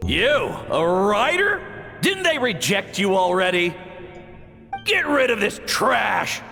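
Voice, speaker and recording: An actor playing a harsh, angry, bullying father in a video game, his voice gravelly and strained. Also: high-pitched, sing-song, takes it slowly, bright, forceful tone, heavily acted. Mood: furious, scornful. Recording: long cavernous reverb, music behind.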